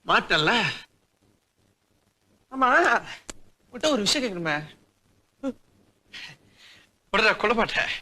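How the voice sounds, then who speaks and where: A man's voice: high-pitched, heavily acted. An actor playing a mocking, unhinged young male killer in a film scene, taunting in a sing-song way. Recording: film dialogue with loud music underneath.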